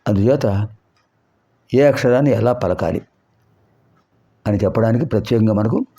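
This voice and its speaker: Here the Sanskrit teacher is a man with a lowish, mellow voice. He explains grammar, slowly repeats sounds to show their pronunciation, and throws in rhetorical questions, all captured on a dull, lo-fi recording.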